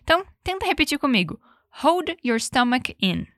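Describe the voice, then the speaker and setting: A woman teacher leads an English lesson, explaining phrases and having the listener repeat them. Her voice is bright and a little high. She says the English examples slowly and clearly, and the recording is dry and close. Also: big pitch swings, no room sound. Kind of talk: language lesson with repetition drills.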